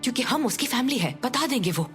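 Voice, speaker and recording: A bossy, scheming older sister with a high voice who presses and coaxes until she gets her way. Music plays clearly behind her. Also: expressive, fast talker. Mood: insistent. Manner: persuasive, insistent, bossy. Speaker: elder sister. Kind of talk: dubbed TV drama.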